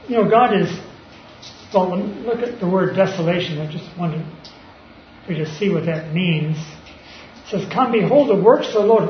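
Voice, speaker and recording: Male preacher, high voice, informal Bible talk with fillers and throat clearing; roomy, slightly muffled recording. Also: slight background noise.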